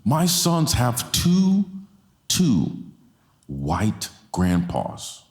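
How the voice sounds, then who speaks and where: Extremely slowly, with huge pitch swings in a mid-range voice, a man in his forties speaks passionately as a guest speaker to a church audience. He holds a handheld mic on stage and repeats lines for emphasis, and the hall sounds roomy.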